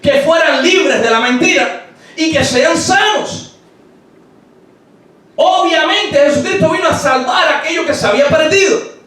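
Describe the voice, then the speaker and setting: A man preaching a sermon as pastor, shouting out scripture verses for emphasis. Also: very high-pitched, a little slow, pauses often. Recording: roomy echo from far off.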